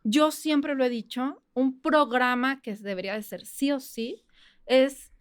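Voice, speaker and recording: A woman with a Mexican accent, a criminologist guest on a podcast, explaining things in a chatty way with quick asides. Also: sits high, clear, resonant tone, no room sound. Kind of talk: casual podcast interview.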